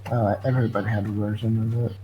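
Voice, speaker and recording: A man's voice: on the low side, level tone, quick pace, muffled recording, a little hiss or hum. A man talking casually during a video game in a laid-back, hesitant way. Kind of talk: casual chat while playing a video game.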